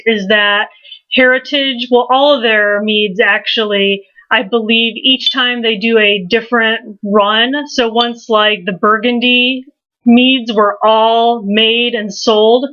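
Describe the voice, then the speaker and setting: Woman host, casual vlog, slightly high voice, easygoing rambling delivery, dull lo-fi sound. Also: bright, forceful tone. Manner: chatty, rambling, self-deprecating. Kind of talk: casual drink-making vlog.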